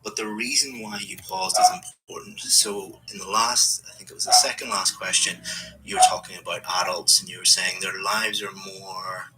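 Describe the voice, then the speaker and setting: Man, very low voice, encouraging examiner, explains scores clearly, audible background noise. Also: fairly even intonation, moderate pace. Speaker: English speaking examiner. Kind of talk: giving spoken exam feedback.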